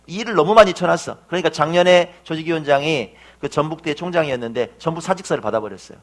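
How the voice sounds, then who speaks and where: A man's voice: a little high, quick pace. A middle-aged male pastor preaching a sermon, telling a story and asking his congregation rhetorical questions.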